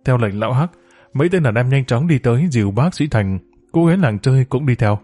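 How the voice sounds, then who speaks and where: Man, audiobook narration, measured, steady, mellow voice, faint music. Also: medium pitch. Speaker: storyteller.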